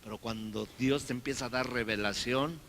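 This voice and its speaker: A man preaching from the pulpit with a bright, forceful tone. He talks to the congregation in a lively way and slips into the voices of the people he quotes. A faint rumble sits in the background. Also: moderate pace, creaky. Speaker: pastor. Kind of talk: sermon.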